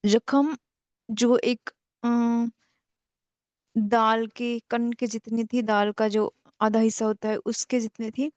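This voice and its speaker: A woman spiritual teacher telling a story slowly and repetitively, with many pauses. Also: fairly high pitch, steady tone, a little mellow, no room sound.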